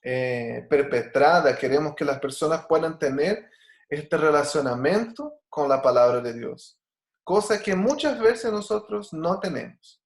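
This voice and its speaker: Leading a Bible lesson online through a video call, this man from Brazil, whose first language is Portuguese, has a voice on the high side that comes across animated and unhurried, with a roomy sound. He's earnest, and he frequently restarts and fills pauses.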